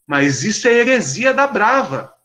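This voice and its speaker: A man's voice: high-pitched, very animated, measured pace, bright, forceful tone, voice pushed up, exaggerated voice. A man playing an insistent male street evangelist who keeps pressing and accusing.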